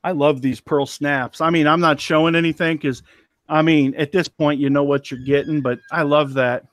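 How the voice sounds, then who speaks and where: A man's voice: fairly high pitch, steady tone, normal speed, dry recording, studio quality. A man selling antiques, chatting casually in a rambling, folksy, self-deprecating way. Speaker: antiques seller. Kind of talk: casual chat.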